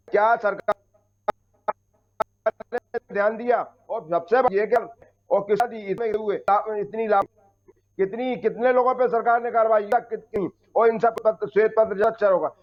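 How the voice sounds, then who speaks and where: Opposition guy arguing on a tv panel, kinda high voice, remote line keeps breaking up and cutting out, dull muffled sound. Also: moderate pace, long pauses. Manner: insistent, argumentative, talks over others. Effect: choppy breaking-up remote line with dropouts. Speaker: opposition party spokesperson. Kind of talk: heated TV panel debate. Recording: dull lo-fi remote call audio.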